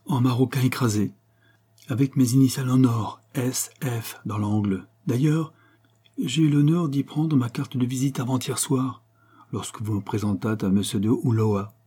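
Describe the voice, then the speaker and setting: A man voicing a gruff, angry rich American passenger who grumbles curtly, raised and forceful. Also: medium pitch, normal speed, close to an everyday voice. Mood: indignant. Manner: grumbling, curt.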